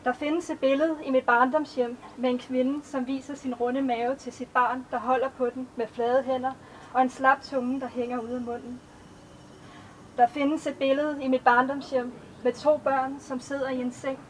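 A woman reading her own poems aloud at a live event, in a slow, measured recital. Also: high voice, flat delivery, slight background noise, rough recording. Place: outdoor festival stage.

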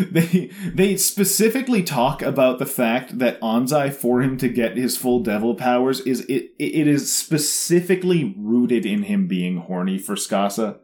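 Sarcastic rambling man recapping a show. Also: fairly low pitch. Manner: sarcastic, rambling, mocks scenes with quick put-on voices. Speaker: podcast co-host. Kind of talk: casual recap chat.

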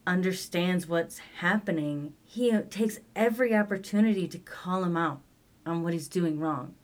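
Low-voiced woman chatting about a film. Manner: chatty, acts out movie lines. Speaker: podcast co-host. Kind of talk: casual chat.

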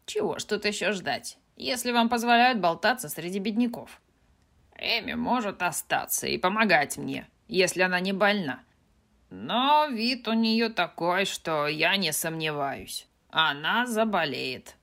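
A cranky old aunt snaps and scolds in a bright, high voice that leaps up and down, as a woman narrator puts her on. Her manner is curt and grudging, like a grumpy elder in an audiobook. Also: animated, a little slow. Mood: scolding. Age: older.

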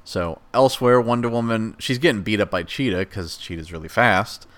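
A man's voice: on the low side, normal speed, fairly bright tone. A man hosting a podcast, casually recapping a movie plot in a rambling, chatty way and voicing the characters' lines as he goes. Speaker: podcast host.

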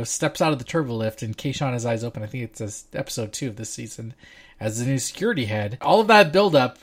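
Chatty man hosting a podcast. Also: fairly high pitch. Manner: chatty, animated, laughs often. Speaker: podcast host. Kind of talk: casual podcast discussion.

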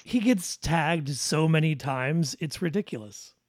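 Man, casual host, rambling, filler-heavy, somewhat high voice, dry close sound. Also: lively intonation, measured pace, no room sound. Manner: rambling, many fillers and restarts. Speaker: podcast host. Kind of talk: casual chat.

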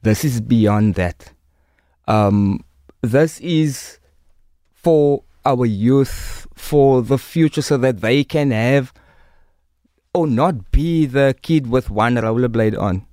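A man with a Cape Town Coloured South African accent speaks slowly in a medium-pitched, dark-toned voice, arguing with conviction in an impassioned conversation. He explains through examples and analogies, and the recording is dry, with clean studio sound.

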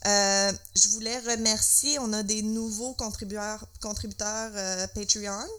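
A young woman with a Québécois accent chats casually as a podcast co-host. Her voice is bright and forward. She rambles, fills gaps, and drops in English words, at a middle pitch. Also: steady tone, a little slow. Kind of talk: casual chat.

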